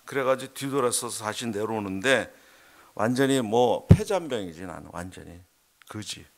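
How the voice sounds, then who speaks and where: A middle-aged man, a missionary, preaching a heartfelt testimony sermon in church, dropping to hushed murmurs and then rising to loud, emphatic bursts. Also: on the low side, animated, normal speed, creaky. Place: church sanctuary.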